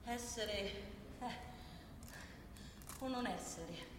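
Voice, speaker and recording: An actress with a medium-pitched voice performs a theatrical monologue as a defiant, impassioned woman protester ranting on a train. She declaims very slowly and insistently in a Roman Italian accent, with emphatic repetition and a weary, sardonic mood. She is far from the microphone in a large, echoey hall with background noise.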